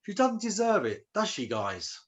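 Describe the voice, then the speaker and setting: A man's voice: high voice, wildly swooping pitch, moderate pace. A man playing a cheeky, good-hearted servant in a pantomime, a swaggering hero who plays to the audience. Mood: cheeky, pleading. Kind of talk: broad pantomime acting.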